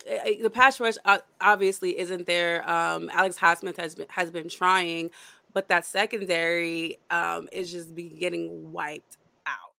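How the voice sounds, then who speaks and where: Woman, podcast host, upbeat chatty talk, bright gravelly voice, dry close sound. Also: fairly low pitch, little pitch movement, a little slow, dry recording. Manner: chatty, upbeat, many fillers. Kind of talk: casual sports podcast interview.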